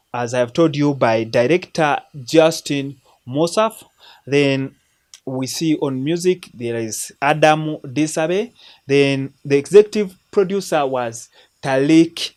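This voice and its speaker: A Ugandan man with a fairly high, darkish voice hosts a film recommendation show. He reviews movies casually but in an earnest, preacher-like manner, frequently restarting what he's saying.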